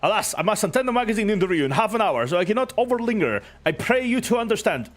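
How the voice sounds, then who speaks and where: A grandiose, jovial hero from a game acted out by a man reading aloud, pitched high and full of old-fashioned self-importance. The delivery is theatrical and pompous, with music playing behind it. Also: big pitch swings, fast talker. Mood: grandly jovial.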